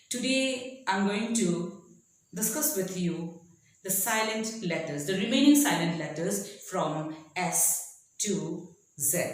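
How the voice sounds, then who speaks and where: A woman English teacher giving a pronunciation lesson, speaking slowly and deliberately and repeating each example word like a drill. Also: fairly low pitch, darkish tone. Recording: strongly echoey room.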